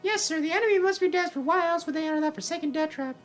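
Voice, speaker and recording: A very high, squeaky eager army soldier in a fantasy game. The report comes out quickly, with faint music behind it. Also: male voice.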